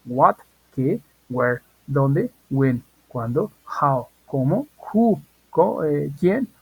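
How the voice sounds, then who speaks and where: Husky-voiced man teaching an online English class. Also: on the high side, lively intonation, extremely slow, phone-quality sound. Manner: patient, repeats key points and checks in with "¿ok?".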